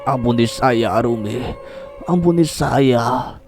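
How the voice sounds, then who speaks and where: A man's voice: mid-range voice, moderate pace, lightly acted. A man voicing a young man who is hurt and begs in a whimpering voice over music. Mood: pleading. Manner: whimpering, pleading. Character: young man Ivan, beaten and begging.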